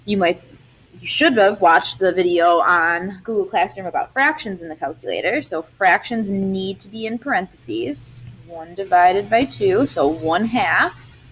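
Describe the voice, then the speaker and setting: A woman's voice: medium pitch, unhurried, a bit bright. Woman, math teacher, recorded lesson, step-by-step, chatty, faint background noise.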